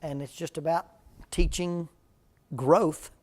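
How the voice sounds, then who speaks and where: A man's voice: on the high side, fairly even intonation, slow pace, a little mellow. A man, a preacher leading a parenting seminar in plain-spoken, humorous talk before a live church audience.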